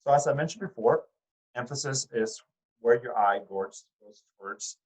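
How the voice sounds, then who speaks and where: A man teaches an art class at a moderate pace in a mid-range voice, captured on a rough recording of the lecture. Chatting with his students, he uses fillers, restarts his sentences, and regularly questions them directly.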